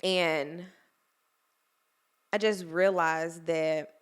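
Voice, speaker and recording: A woman's voice: lowish voice, fairly even intonation, drawn-out words, clear, resonant tone. A young woman, hosting a podcast and talking casually and earnestly, with many fillers. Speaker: podcast host. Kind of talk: casual personal talk.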